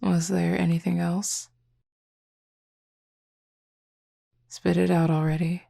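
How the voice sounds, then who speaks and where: Here a woman plays a confident, flirtatious she-wolf for an intimate audio roleplay, speaking in a gravelly, husky drawl that teases and playfully bosses. The pitch is fairly low and the tone level and mellow, moving at an ordinary speed. The mood is wry, easygoing banter.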